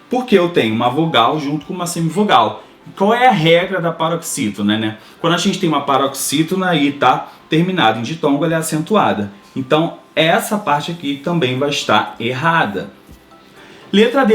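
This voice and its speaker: A man teaching a Portuguese grammar lesson for exam prep, explaining step by step and often checking in with quick tag questions. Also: a little high, roomy sound.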